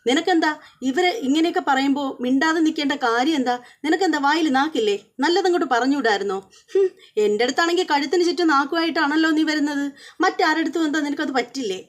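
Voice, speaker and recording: A woman's voice: high-pitched, fast talker, voice pushed up, lightly acted. A woman voicing an angry young husband who sharply questions his wife and her family. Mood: scolding.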